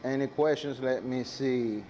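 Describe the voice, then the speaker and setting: This Dominican chef, a native Spanish speaker, runs a live cooking demonstration and talks easily with his audience and crew. He has a mid-range, warm voice with a steady tone and an unhurried delivery, though the audio sounds dull. You can clearly hear sizzling and kitchen sounds behind him.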